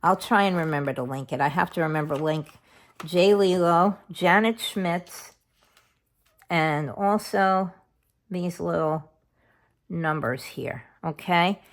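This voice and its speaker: Lady vlogger doing a craft tutorial, slow and unhurried, kinda low voice, chatty, second-guesses herself. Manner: chatty, thinks aloud, self-correcting. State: has hiccups. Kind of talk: casual craft tutorial narration.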